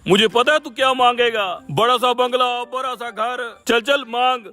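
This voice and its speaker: A man playing a cruel, greedy brick-kiln owner who shouts insults and gloats over his servant in a comedy sketch. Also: extremely high pitch, a little slow, faint music behind, full character voice. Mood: gloating.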